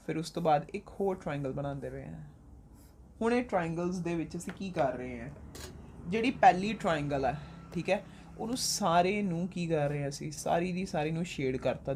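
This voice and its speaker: A woman's voice: sits low, a little mellow, a little hiss or hum. Patient teacher quizzing her class. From Punjab, India. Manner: asks questions then answers them herself, patient and repetitive; mixes English math terms into her talk. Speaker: school math teacher. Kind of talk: classroom math lesson.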